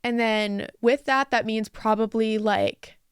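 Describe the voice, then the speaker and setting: A woman's voice: fairly high pitch, fairly even intonation, slow, smooth, no room sound, clean studio sound. A young woman hosting a podcast, telling a personal story in a chatty way, filling her talk with "like" and acting out quoted dialogue. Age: young adult. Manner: chatty, lots of "like" fillers, quotes people in dialogue. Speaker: podcast host. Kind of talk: casual storytelling.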